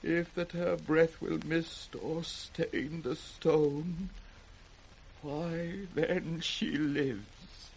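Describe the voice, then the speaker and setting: An actor playing an aged, grief-maddened king in British radio Shakespeare, raging and tender by turns with declamatory, drawn-out delivery. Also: fairly high pitch, fairly even intonation, vocal fry, heavily acted. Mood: broken grief. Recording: noisy vintage radio recording.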